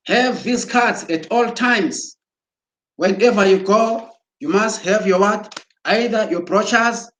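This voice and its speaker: An excited man urging his listeners on, his voice sitting high for a man. He talks slowly and deliberately, often repeating and restarting words. It sounds like a computer mic while he shares his screen. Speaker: broadcaster. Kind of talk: promotional motivational talk.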